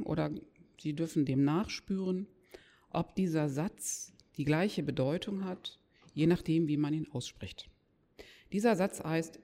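A nursing or healthcare lecturer explains material didactically to an audience, stressing key words and posing rhetorical questions. The voice is medium-pitched and dark, in an echoey hall with long reverb.

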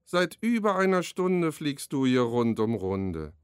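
A man's voice: medium pitch, very animated, measured pace, clear, resonant tone, dry recording, studio quality. A man voicing a cheerful, clumsy male beaver in a rhymed storybook poem. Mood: coaxing.

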